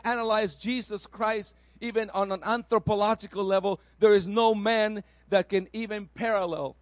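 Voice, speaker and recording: A man from El Salvador preaching a sermon, rising to loud exclamations and dropping soft for personal testimony. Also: sits high, dry recording.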